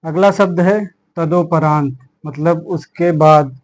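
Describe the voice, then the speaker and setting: A man with a Hindi accent from Uttar Pradesh teaches an exam-prep grammar lesson. His voice sits fairly high and he speaks very slowly, going through each word with a steady, patient rhythm. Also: poor audio. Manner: slow, explaining words one by one with repeated "theek hai".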